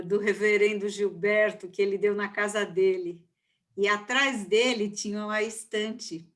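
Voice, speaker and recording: A woman teacher talking from her bedroom in an online class, chatty and telling anecdotes. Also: medium pitch. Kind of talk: casual online class talk.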